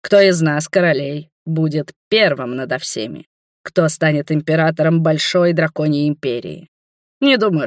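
An audiobook reader voicing a proud, booming male king in a fantasy novel, loud and solemn. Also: dry recording, clean studio sound, natural voice.

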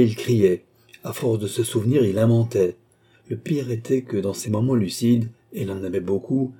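A man narrating a classic novel as an audiobook, in a measured, steady storytelling manner. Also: on the low side, husky.

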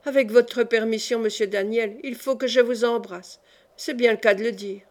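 A woman voicing a kindly older male shopkeeper who talks slowly and fumbles for his words, in an audiobook. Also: a little high, steady tone, a little mellow, natural voice. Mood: fond.

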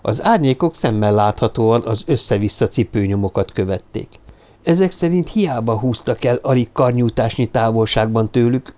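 A man reading a suspense novel aloud as audiobook narrator, steady and suspenseful. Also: on the low side. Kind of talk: scripted narration.

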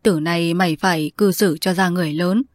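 A woman's voice: fairly low pitch, fairly even intonation, fairly quick, no room sound, lightly acted. A woman voicing an anxious, tearful aunt who pleads with her nephew in a storybook reading. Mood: pleading.

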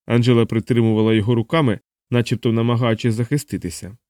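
A man narrating an audiobook in an even, measured storytelling voice. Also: medium pitch, dry recording, clean studio sound.

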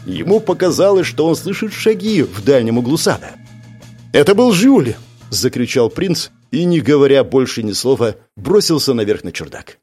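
Man reading a story aloud, dramatic and expressive, pitch all over, faint music behind. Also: moderate pace, few pauses, breathy edge. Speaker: narrator. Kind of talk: audiobook narration.

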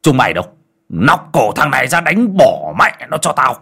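A man's voice: medium pitch, big pitch swings, normal speed, breathy edge, voice pushed up, heavily acted. A man voicing a brutal old rich landowner, barking abuse at his servants. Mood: raging. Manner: barking, shouting, abusive.

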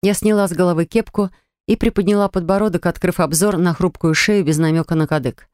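Lowish-voiced woman narrating fiction. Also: a little fast, a little mellow, dry recording, studio quality. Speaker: audiobook narrator. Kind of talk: scripted first-person fiction narration.

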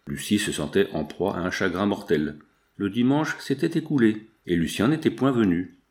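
A man narrating a classic novel in a measured, dramatic reading. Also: lowish voice, expressive, darkish tone. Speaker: audiobook narrator. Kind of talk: scripted literary narration.

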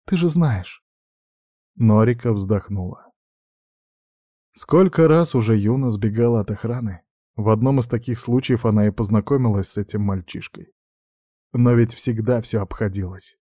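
A man reading a novel aloud as scripted narration in a steady, measured way. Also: fairly low pitch, no room sound, clean studio sound. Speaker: audiobook narrator.

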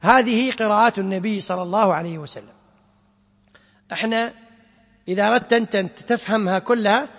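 A man, a sheikh, teaching a class. He quizzes his students and recites quoted verses slowly. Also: sits high, fairly bright tone, big-room sound. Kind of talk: classroom lecture explaining a poem on Quran sciences.

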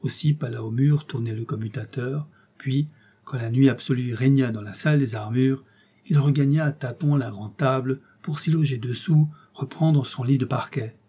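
A male audiobook narrator reads a novel in a measured, even storytelling style. His voice is dark and mellow, with a husky, slightly breathy edge. His pitch sits in an ordinary middle range. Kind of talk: scripted literary narration.

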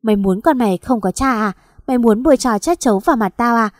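Audio story: a harsh scolding mother, rapid and berating, read by a woman narrator. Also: on the high side, dry recording, studio quality, natural voice. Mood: furious. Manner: fast, berating questions. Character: harsh scolding mother shaming her pregnant daughter.

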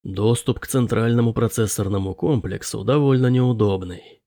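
A man's voice: lowish voice, moderate pace, mellow, dry recording, clean studio sound, lightly acted. A man voicing an elderly, timid male professor in an audiobook, murmuring and hesitant. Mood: worried. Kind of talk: audiobook character voice.

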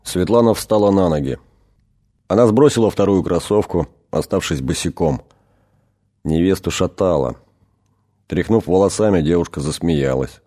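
A male audiobook narrator with a very low, dark and mellow voice. He reads the text in a measured, dramatic way, letting each scene unfold steadily. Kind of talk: scripted narration.

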